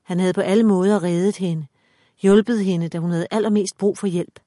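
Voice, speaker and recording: A woman reading a dark story aloud in measured, dramatic scripted audiobook narration. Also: medium pitch, fairly even intonation, dry recording, clean studio sound.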